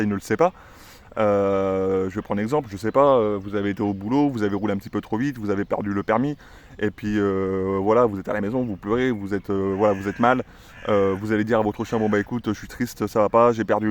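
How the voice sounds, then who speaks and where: Homme bavard qui explique le dressage de son chien. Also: male voice, lowish voice, a little mellow. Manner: chatty, many "euh" fillers, gives commands to the dog. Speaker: dog trainer and channel owner. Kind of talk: casual explanatory vlog with a dog.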